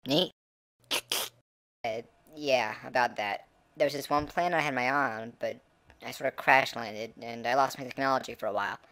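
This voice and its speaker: A man's voice: mid-range voice, moderate pace, a bit bright, lightly acted. A man voicing a laid-back male alien who gave up conquering, talking casually and sarcastically. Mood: easygoing.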